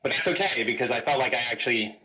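Male caller, voice-modulator sound, bright sharp tone, muffled headset line, hesitant, chuckling. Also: medium pitch, expressive, fast talker. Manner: hesitant, chuckles between words. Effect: sounds like talking through a voice modulator. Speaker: caller to a talk show. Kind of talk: phone-in chat.

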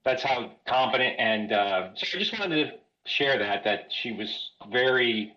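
A man's voice: mid-range voice, a little slow, bright, forceful tone. A man calling in to a talk show, his voice sounding like it passes through a voice modulator over a headset line. He talks hesitantly and chuckles between words. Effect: sounds like talking through a voice modulator. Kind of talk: phone-in chat. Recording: muffled headset call line.

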